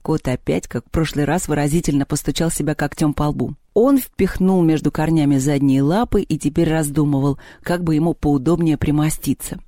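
Mellow-voiced audiobook narrator. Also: medium pitch, brisk, few pauses, dry recording, clean studio sound. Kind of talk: scripted narration.

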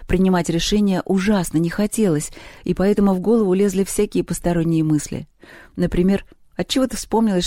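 A narrator reading a children's story aloud in an even storytelling way. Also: mid-range voice, no room sound, studio quality. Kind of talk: audiobook reading.

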